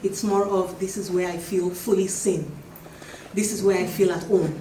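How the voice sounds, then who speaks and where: A woman's voice: lowish voice, fairly even intonation, mellow. Distant woman speaking in an echoey hall. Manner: reflective, emphatic, slows to stress points. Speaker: panel speaker and author. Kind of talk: panel discussion answer. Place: event hall. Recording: echoey hall, distant mic, faint noise.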